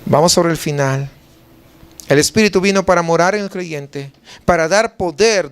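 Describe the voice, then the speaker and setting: A man's voice: sits high, a bit bright, smooth. A male pastor with a Mexican Spanish accent preaching a sermon, asking rhetorical questions and answering them himself.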